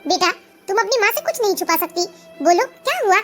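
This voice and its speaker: A sly middle-aged mother schemes in a high, sugary cartoon voice, as a woman plays her. Her talk is falsely kind and coaxing, with an edge of cunning underneath. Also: big pitch swings, a little fast, over music. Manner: falsely sweet, honeyed. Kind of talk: cartoon voice acting.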